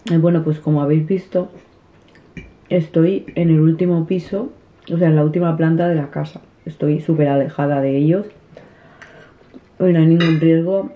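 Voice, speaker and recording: Eating at home at a dinner table in a small indoor room, a family vlogger in her thirties chats to the camera set close on the table. Her soft, low voice moves at normal speed with fairly even intonation, long pauses and frequent restarts, and the recording sounds tinny and phone-like.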